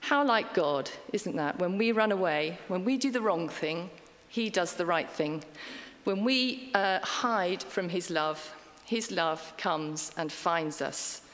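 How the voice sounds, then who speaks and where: A woman's voice: fairly low pitch, lively intonation, slow, a bit bright. A middle-aged woman giving a conversational sermon, chatty and self-deprecating with frequent ums and asides. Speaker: preacher. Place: church hall. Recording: long hall reverb.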